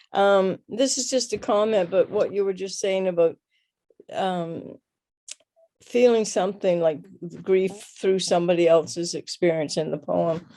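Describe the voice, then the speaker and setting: A woman from Canada speaking up in a video call, halting and searching for words, emotional as she talks. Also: medium pitch, mellow. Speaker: audience member. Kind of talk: virtual Q&A comment.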